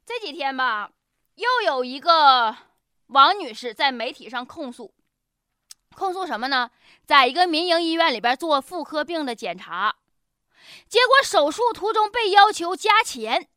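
A woman's voice: sits high, sing-song, unhurried, pushed and bright, no echo, studio quality. A woman with a Northeastern Chinese accent hosting a comedic news commentary show in a colloquial, joking, exaggerated way. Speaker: radio show host.

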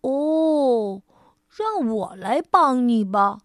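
A woman's voice: a little high, expressive, extremely slow, no echo, clean studio sound. A woman voicing a kind, slightly grumbly hedgehog in a children's storybook. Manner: complaining, then helpful.

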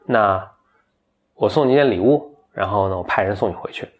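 A man voicing a gentle, polite young dragon princess who speaks persuasively, in a told folktale. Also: lowish voice, brisk, close to an everyday voice.

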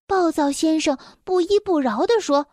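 A young woman reading a children's story aloud, gentle and expressive, speaking directly to the children. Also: extremely high pitch, moderate pace, dry recording, clean studio sound.

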